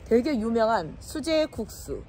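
A woman's voice: a little high, very animated, unhurried, a little mellow. Playful masked woman vlogging outdoors. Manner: playful and teasing, laughs often. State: speaking through a face mask. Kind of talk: casual vlog chat to camera. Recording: clear traffic and street noise behind.

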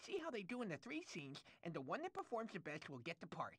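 A man's voice: high-pitched, huge pitch swings, fast talker, fairly bright tone, slightly rough, no echo, heavily acted. A man voicing a nervous, eager-to-please male TV producer with a slight lisp, who stammers through video game cutscene dialogue. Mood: nervous fawning.

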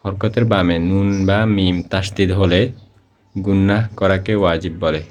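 Slow, low-voiced male Quran teacher. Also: fairly even intonation, a little mellow. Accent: Bangladeshi Bengali. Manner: repeats examples slowly with drawn-out recitation. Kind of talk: slow step-by-step lesson.

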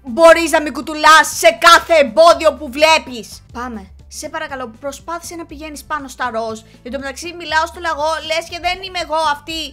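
A young woman giving excitable gameplay commentary, often yelling and scolding her character. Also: sits high, hardly any pauses, soft background music. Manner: excitable, yells and scolds the game. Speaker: gaming YouTuber.

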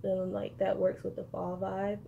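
A young beauty vlogger speaks in a warm, medium-pitched monotone with vocal fry at a measured pace. The lo-fi recording from her bedroom has noticeable room noise as she chats informally and slangily through a makeup tutorial.

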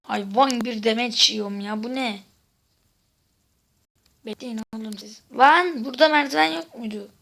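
A woman giving casual gameplay commentary, exasperated, swearing and shouting out at the game while chatting to her viewers. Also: on the high side, measured pace, creaky, pauses often, a little hiss or hum. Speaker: gaming video host.

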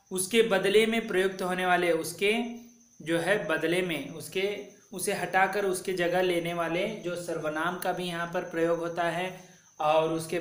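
Male schoolteacher, fairly high voice, slow and deliberate, drills example sentences; roomy echo. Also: a bit bright. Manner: slow, repeats example sentences for pupils to copy. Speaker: teacher. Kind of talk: Hindi grammar lesson for children.

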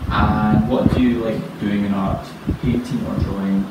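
A man in his thirties examining a student's spoken English, talking slowly and clearly with patient encouragement, in a small office. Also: on the low side, little pitch movement. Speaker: English speaking-test examiner. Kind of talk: spoken language exam interview. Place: small indoor office room. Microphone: far camera. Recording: echoey room, far from mic, loud noise.

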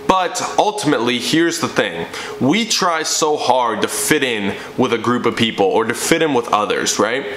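Seated in his living room facing the camera, a young fitness coach tells his personal story in an emphatic, preachy manner. His medium-pitched voice is expressive and a bit bright, at a moderate pace, with a little hiss or hum underneath. The room sounds echoey, with faint ambience.

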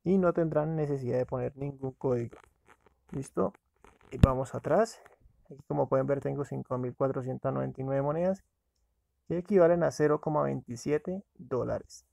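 A man's voice: mid-range voice, normal speed, vocal fry, warm tone, no echo. A man casually narrating a screen-recorded app walkthrough, talking to viewers as friends. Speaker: app reviewer.

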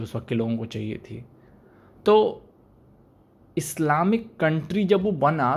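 A young adult YouTube commentator speaks to camera, making pointed arguments and asking rhetorical questions. His mid-range voice is creaky and darkish with a breathy edge. He's recorded on a desk microphone in front of him in a small indoor room with a plain wall.

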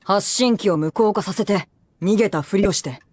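A scheming young anime boy, voiced by a woman, gives terse commands in Japanese anime style. The words come quickly, in a close, dry recording. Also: mid-range voice, darkish tone, husky, no room sound, close to an everyday voice. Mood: urgent, commanding.

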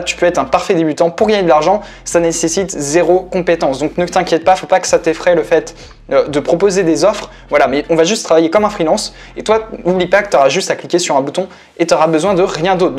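A man hosting a screen-recorded tutorial, talking insistently and repetitively, with lots of filler words. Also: sits high. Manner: repetitive, insistent, many fillers like "voilà" and "donc". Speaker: online money-making tutorial host.

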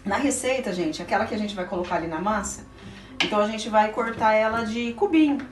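Speaking at medium pitch and a little quickly, this middle-aged aunt hosts a cooking show, chatting patiently with a child and walking viewers through each step. Her manner is coaxing and encouraging throughout the casual demonstration in a small indoor home kitchen. With a helper filming from a few feet away, the audio sounds roomy and distant, and music plays behind her.

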